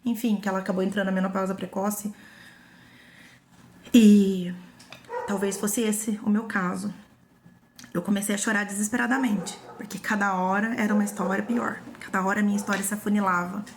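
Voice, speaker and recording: Earnest Brazilian woman with a gravelly edge. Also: medium pitch, level tone, brisk, slight background noise. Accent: Brazilian Portuguese. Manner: earnest and emotional, repeats phrases for emphasis. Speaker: psychologist sharing her own story. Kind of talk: personal testimony vlog.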